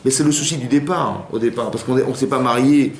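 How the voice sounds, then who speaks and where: A man's voice: mid-range voice, fairly even intonation, quick pace, gravelly. Man teaching in an echoey hall. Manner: conversational, many repetitions and restarts, acts out quoted spouses. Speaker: rabbi teaching a class. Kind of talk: informal lecture to women. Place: community hall class. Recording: echoey room with faint hum.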